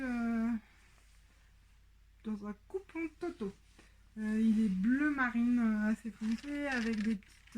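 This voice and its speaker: Hesitant French woman, unhurried show-and-tell host, moves on and off mic. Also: fairly high pitch, a little mellow, slight background noise. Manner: hesitant, many pauses and fillers. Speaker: sewing podcast host.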